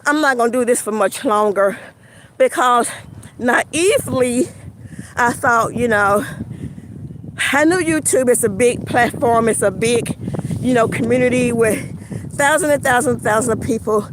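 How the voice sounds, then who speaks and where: Breathless lady vlogging on a winter walk, kinda high voice, drawn-out slow talk, faint traffic behind. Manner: slow, rambling, with many fillers. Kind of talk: casual talk while walking. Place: outdoors on a snowy winter path.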